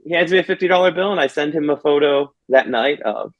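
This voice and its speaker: A man's voice: on the high side, fast, dull audio. A man, a pastor, telling a personal story in an interview, earnest and reflective, often restarting his phrases. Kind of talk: conversational storytelling.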